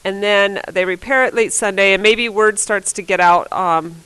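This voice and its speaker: A woman's voice: mid-range voice, moderate pace, bright, forceful tone, clear, resonant tone, no room sound, low-quality recording. A woman teacher with a cold, working through math problems on a board in a casual, think-aloud way and correcting herself as she goes. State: fighting a cold. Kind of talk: recorded classroom lesson, working problems on a board.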